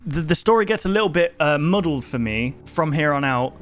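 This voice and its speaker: Slightly fast and animated, his voice runs on the high side. As host of a horror book review video, he recaps the story casually and conversationally, frequently thinking out loud, with background music under the narration.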